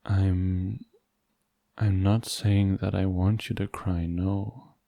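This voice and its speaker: A man playing a tender, hurt, devoted boyfriend in an ASMR role-play, speaking in a soft, intimate, halting murmur to comfort a partner. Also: sits low, gravelly, no echo, exaggerated voice. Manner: slow, halting, gentle, intimate.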